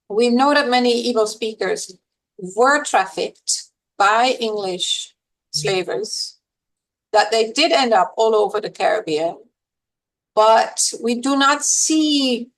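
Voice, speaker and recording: A woman professor, a guest on an interview podcast, explaining points in a measured, lecturing way with some fillers. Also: a little high, low-quality recording.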